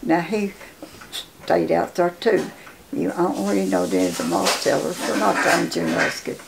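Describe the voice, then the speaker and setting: A woman in her nineties with a Southern Appalachian accent, reminiscing casually in a halting, folksy way with repeated words. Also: lowish voice, sing-song, vocal fry. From Appalachia, southern United States. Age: 90s. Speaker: interviewee telling life story. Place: home living room, indoors. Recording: faint background room noise.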